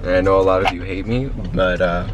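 A man's voice: low voice, fairly even intonation, brisk. A man in his twenties joking casually and crudely to a handheld vlog camera. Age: 20s. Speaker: vlogger's friend and fellow YouTuber. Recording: loud car and city noise.

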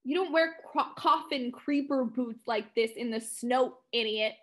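A woman's voice: high voice, expressive, normal speed. A woman voicing a snobby goth schoolgirl who snarls her lines with scorn. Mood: scornful.

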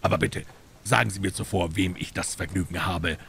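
Male reader doing a cool, clever detective, low, soft-spoken, unhurried. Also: creaky, a little hiss or hum. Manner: calm, friendly, measured. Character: calm, shrewd male detective.

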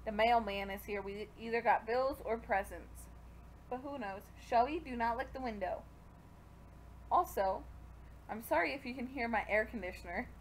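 In a voice on the high side and at normal speed, a young gaming creator casually comments on her play and chats with the characters on screen. She's pregnant and hot. A little hiss or hum runs through the recording.

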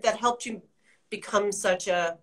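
A woman's voice: medium pitch, unhurried. A woman hosting an interview, eagerly passing along audience questions. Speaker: interviewer host. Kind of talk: casual interview.

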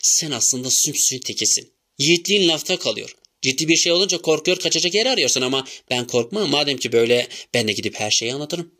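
A man's voice: medium pitch, lively intonation, fast, sharp tone. A man reading an audiobook, voicing a stubborn boy team leader who scolds a friend. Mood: indignant. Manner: indignant, scolding.

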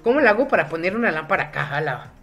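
A man's voice: a little high, big pitch swings, rapid-fire, fairly bright tone, soft background music. A young man, a gaming YouTuber, giving casual gameplay commentary in a jokey, rambling way and getting easily frustrated.

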